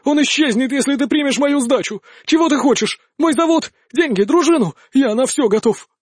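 A man's voice: high-pitched, expressive, normal speed, slightly rough, no room sound, clean studio sound. Man voicing a blustering noble duelist. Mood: pleading. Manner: shouting, boastful, then pleading. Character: arrogant, cowardly male nobleman duelist.

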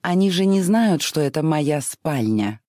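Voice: medium pitch, lively intonation, measured pace, a little mellow, dry recording, clean studio sound, natural voice. A reader voicing a spoiled, willful young widow who pleads and flares up petulantly. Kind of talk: audiobook reading.

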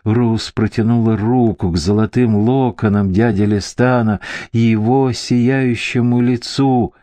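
A man narrating a dark fantasy audiobook in a measured, theatrical manner on a close mic. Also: medium pitch, steady tone, no echo.

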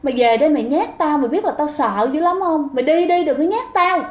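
A frightened young man speaks in urgent, scolding pleas, as a woman narrator acts him out. The voice sits high. The room adds a noticeable echo. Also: expressive, quick pace. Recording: roomy echo.

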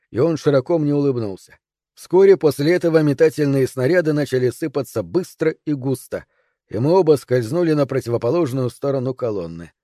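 Mellow-voiced male audiobook narrator. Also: medium pitch, dry recording, clean studio sound. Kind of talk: first-person audiobook narration.

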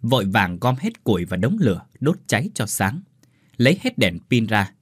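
A man narrating a ghost story in an expressive, dramatic way. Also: fairly low pitch, moderate pace, slightly rough, no echo, clean studio sound.

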